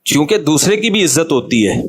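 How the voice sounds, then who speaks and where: A man delivers a light, humorous religious talk. He chats and jokes with his listeners rather than preaching at them. His voice sits fairly high for a man. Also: expressive, breathy edge. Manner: chatty and joking, addresses listeners directly. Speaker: Islamic cleric giving a talk. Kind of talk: humorous conversational sermon.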